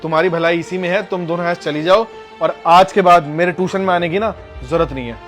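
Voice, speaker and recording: A stern, moralizing tutor, played by a man in a drama skit. His voice is fairly high for a man, and a faint music bed runs under his long scolding speeches. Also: fast, fairly bright tone. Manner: scolding, lecturing. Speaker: tuition teacher. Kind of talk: short social-drama skit acting.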